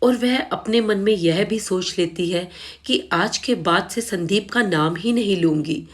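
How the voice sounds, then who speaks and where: A woman narrating a scripted moral story in a measured, expressive reading. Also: mid-range voice.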